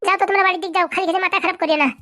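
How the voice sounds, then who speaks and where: A woman acting in a comic sketch, fast, loud and dramatic. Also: very high-pitched, fairly even intonation. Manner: rapid, shouting, dramatic. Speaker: comedy sketch performer.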